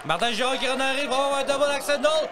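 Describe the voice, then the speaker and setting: A man giving live wrestling commentary, excitedly shouting out the moves amid a loud event. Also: extremely high pitch, racing, a loud crowd, heavy background noise. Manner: excited, shouting, echoes his partner's calls.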